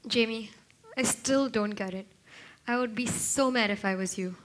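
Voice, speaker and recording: A young woman acting in a student play as a socially awkward girl who struggles to read feelings and speaks softly and hesitantly. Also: fairly high pitch, normal speed, close to an everyday voice.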